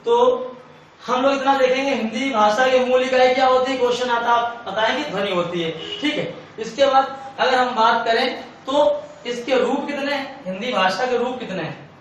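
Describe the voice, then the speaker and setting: A man's voice: very high voice, normal speed, fairly bright tone. A man teaching an exam-prep lecture, asking questions and answering them himself, repeating key points. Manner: repetitive, asks and answers own questions. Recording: echoey room, far from mic, faint hiss.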